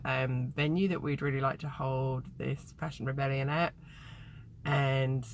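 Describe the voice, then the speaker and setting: A woman's voice: deep voice, vocal fry, slight background noise. A woman in her thirties, a fashion designer, speaking openly and reflectively to the camera in a personal vlog. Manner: open, reflective talk to camera.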